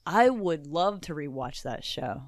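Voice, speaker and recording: A woman's voice: low-pitched, expressive, a little slow, clean studio sound. A woman co-hosting a podcast, chatting casually and animatedly, swearing freely and echoing the others. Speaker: podcast co-host. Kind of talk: casual chat.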